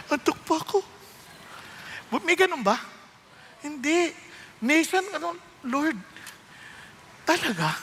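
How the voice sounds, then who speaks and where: A male preacher with a high, bright voice that rings out through a large hall with a long reverb. He preaches to a congregation, switching freely between Tagalog and English and asking whether his listeners are still following him. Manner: mixes Tagalog and English, often checks in with the congregation. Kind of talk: sermon. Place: church hall.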